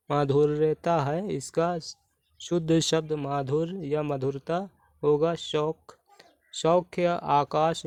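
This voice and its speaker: A man explains Hindi spelling questions for exam preparation, working through each one methodically and restating the answer. His voice is smooth and clear and sits fairly high, with a flat, even delivery. It is recorded close and dry. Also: no echo. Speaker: Hindi exam-prep teacher.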